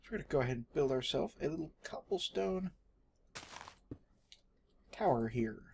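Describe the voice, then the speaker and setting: With a Texan accent, this man from Texas gives loose, self-deprecating gameplay commentary, frequently muttering to himself. His fairly high voice is creaky and a little mellow, lively in intonation at a normal speed. Faint household noise sits behind the recording.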